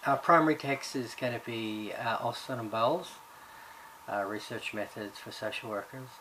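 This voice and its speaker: A man from Ireland who was raised in Australia gives a recorded course introduction as subject coordinator, speaking hesitantly with many fillers and restarts. His voice is medium-pitched, pushed and bright at a moderate pace, in a rough recording with background noise.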